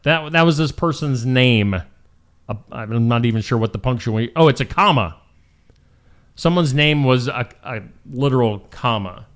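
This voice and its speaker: A man hosting a morning show reads out weird news stories, joking around and laughing at them in a casual way. His mid-range, fairly bright voice is expressive and measured in pace.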